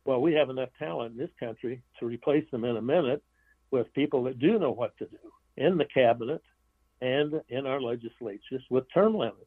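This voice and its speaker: A man's voice: mid-range voice, a little fast, breathy edge, dry recording. A man talking as an author and interview guest, rambling with restarts and blunt opinions. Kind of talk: casual interview talk. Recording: tinny phone line.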